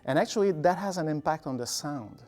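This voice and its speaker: An orchestra conductor and artistic director answers interview questions, explaining things instructively through examples and analogies. His voice is fairly high and darkish, animated and fairly quick.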